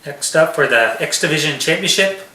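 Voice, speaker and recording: A man's voice: a little high, expressive, normal speed, bright, forceful tone. A man co-hosting a casual wrestling prediction chat, announcing each match and giving his picks. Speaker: podcast co-host. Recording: echoey room.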